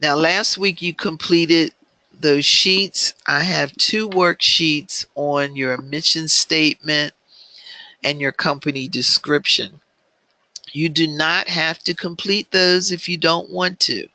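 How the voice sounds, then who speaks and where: A man teaching an online business planning class, speaking in a measured way with frequent filler ums. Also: on the high side, fairly even intonation, bright, forceful tone, no echo.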